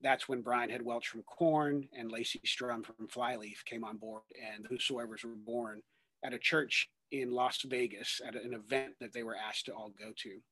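A man's voice: mid-range voice, fairly even intonation, moderate pace, sharp tone, no echo. A man in his thirties, a ministry worker and guest, talking earnestly in a rambling way with many fillers and restarts. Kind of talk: conversational testimony.

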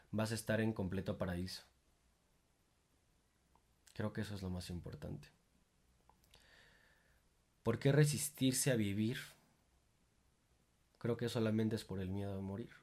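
A man's voice: lowish voice, steady tone, a little slow, pauses often, a little mellow. A young man with a Mexican accent hosting a reflective monologue, informal and full of swearing, rising into emphatic bursts. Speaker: podcast host.

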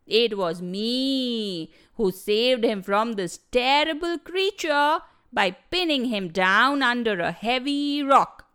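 A woman's voice: fairly high pitch, lively intonation, slow, a bit bright, clear, resonant tone. Peacock, a boastful show-off bird, voiced by a woman. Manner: boastful, self-important. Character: boastful, dashing male peacock.

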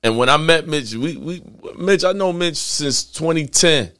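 A man's voice: a little high, expressive, measured pace, pushed and bright, clear, resonant tone. A man in his forties hosting a podcast, talking emphatically in a casual chat, repeating himself and using slang. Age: 40s. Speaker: podcast host.

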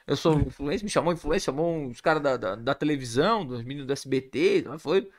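A man, a podcast guest telling stories in casual chat, animated, laughing often and swearing. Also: on the high side, fast.

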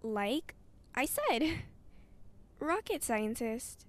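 A woman's voice: a little high, big pitch swings, drawn-out words, heavily acted. A female actor playing a cool, sardonic, menacing girl in a horror audio drama.

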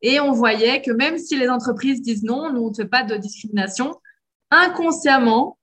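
A woman from Belgium with a softened Liège accent, explaining her views in a casual conversation with frequent hesitations. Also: fairly high pitch, brisk. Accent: Belgian French, from Liège, softened.

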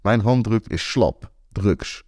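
A young man telling a first-person story in a wry, deadpan way. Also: on the low side, takes it slowly, dry recording, studio quality. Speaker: author and narrator.

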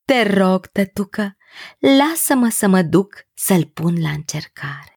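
An eager young princess, played by a woman storyteller, earnest and pleading, her voice lifted high above the narration. Pitch moves freely, and the storybook recording is dry and close. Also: lively intonation, creaky, a little mellow, husky, no echo.

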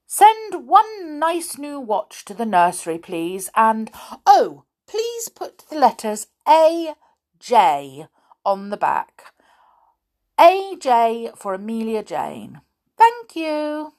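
A big naughty doll, bossy and smug, teases the other toys in a high voice that swoops up and down, as a woman storyteller puts her on. She talks grandly and slowly, like a spoiled storybook girl. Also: wildly swooping pitch, a little mellow, full character voice. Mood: phoning grandly.

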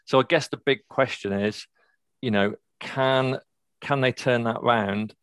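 Relaxed podcast host. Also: male voice, medium pitch, measured pace, smooth, dry recording. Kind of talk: casual sports podcast chat.

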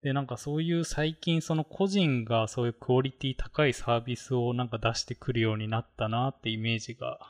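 A man's voice: mid-range voice, fairly even intonation, a little fast, few pauses. A man chatting casually about tech on a podcast, rambling with many fillers. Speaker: podcast co-host.

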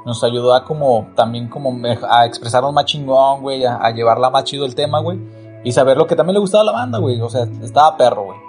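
A man's voice: medium pitch, fast, darkish tone, faint music behind. A young man with a northern Mexican accent chatting casually as a podcast co-host, using slangy, swear-filled street talk. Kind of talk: casual chat.

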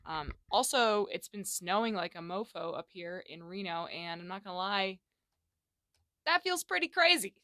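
A young woman hosting a solo podcast from her home closet, chatting candidly in slang and moving between loud bursts and hushed asides. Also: on the low side, fairly even intonation, normal speed, hardly any pauses, no echo. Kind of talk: casual solo podcast chat.

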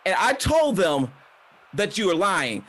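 A man voicing a proud, furious woman wrestler who calls herself a warrior goddess, shouting indignantly. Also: a little high, extremely slow. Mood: wounded.

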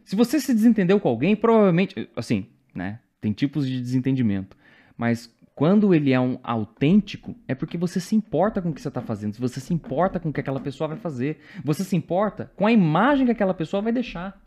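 Lively talkative man hosting a podcast. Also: on the high side, quick pace. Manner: animated, talkative. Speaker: podcast host. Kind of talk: casual chat.

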